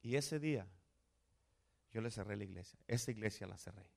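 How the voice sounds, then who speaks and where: A man, a pastor preaching a sermon and retelling a story, dropping to a hush and then surging upward on his exclamations. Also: fairly low pitch, brisk, creaky.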